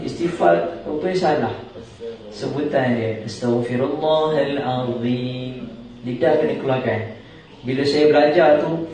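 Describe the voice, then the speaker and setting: A man teaching Quran recitation rules, explaining slowly and chanting example verses between jokey asides. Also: medium pitch. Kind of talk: tajwid class with recited examples. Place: large echoing prayer hall. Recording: echoey hall, mic some distance off.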